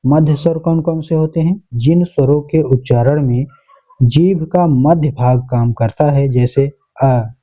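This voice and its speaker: A man's voice: fairly high pitch, measured pace, dark tone. A male teacher working through an exam paper step by step, often repeating answers and checking in with the class. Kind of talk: exam paper walkthrough lesson. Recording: dull lo-fi recording.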